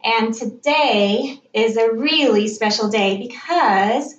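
A woman's voice: on the high side, takes it slowly. A woman hosting a podcast in a conversational interview style. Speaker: podcast host. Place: indoors at a med spa. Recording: echoey room, distant dull mic, faint noise.

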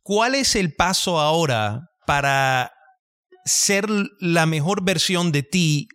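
A man interviewing a guest, asking probing questions with halting restarts. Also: on the high side, animated, fairly bright tone, smooth.

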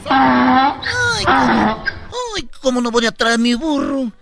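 A man's voice: extremely high pitch, very animated, vocal fry, exaggerated voice. A man voicing a feisty rural old woman who whines and wails to defend her donkey. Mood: pleading. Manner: whiny, wailing with drawn-out "ay". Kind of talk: comedy radio sketch.

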